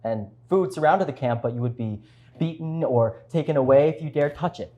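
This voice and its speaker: A man playing both parts in a one-man show, here as a refugee father gravely recounting his survival in a measured stage monologue. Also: a little high, dull audio, lightly acted. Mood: grave, somber.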